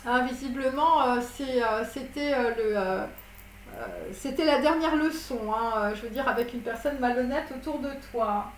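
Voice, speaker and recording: A woman with a high voice talks her way through a tarot reading, full of hesitations and restarts. The sound is roomy and echoey, with a faint hiss underneath. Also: moderate pace. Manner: rambling, many fillers and restarts. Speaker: tarot reader. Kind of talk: casual tarot reading monologue. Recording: echoey room with faint noise.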